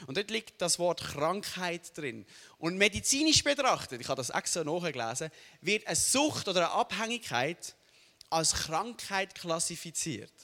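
Animated Swiss German preacher, bright voice. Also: male voice, high-pitched, moderate pace. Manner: animated, asks the audience "oder?" often. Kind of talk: sermon. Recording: long hall reverb.

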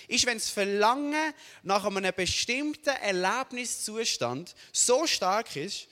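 A young adult man with a Swiss German accent preaching a sermon, often checking in with the audience. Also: sits high. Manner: animated, asks the audience "oder?" often. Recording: long hall reverb.

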